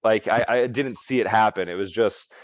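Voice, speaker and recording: Low-voiced man rambling through a story. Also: normal speed, no room sound. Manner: rambling, heavy use of "like" and restarts. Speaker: podcast guest, longevity coach. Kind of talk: casual storytelling interview.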